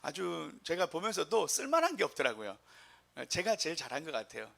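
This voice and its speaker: A man's voice: on the high side, wildly swooping pitch, fairly quick, vocal fry, bright, forceful tone. A man preaching a sermon as pastor, in a humorous, chatty way with the congregation.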